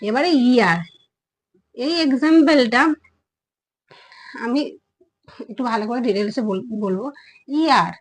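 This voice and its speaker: A high female voice, recorded badly, leads a children's lesson on English grammar. Her manner is patient and explanatory as she repeats words and enunciates each vowel sound.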